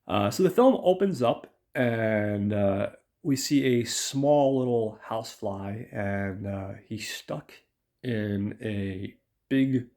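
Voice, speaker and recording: A slightly mellow, lowish voice belongs to a man hosting a podcast while ill, so it comes out raspy. He chats loosely about a film with frequent ums and uhs, speaking to his audience as "guys."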